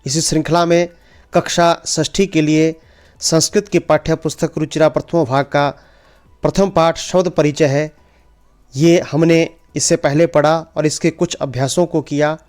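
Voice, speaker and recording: Male teacher, somewhat high voice, unhurried drill delivery, soft music beneath. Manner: slow, drills pronunciation by repeating words. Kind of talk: online Sanskrit lesson in Hindi.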